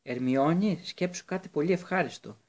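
A man reading an audiobook, voicing a brave teenage boy wizard who shouts urgently in danger. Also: high-pitched, very animated, voice pushed up. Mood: urgent shouting.

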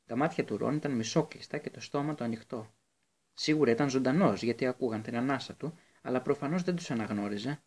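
A man narrating a story as an audiobook, at a middling pitch for a man. He reads steadily, now and then stumbling on a word and starting it again. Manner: steady reading with occasional slips and restarts. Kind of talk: audiobook reading.

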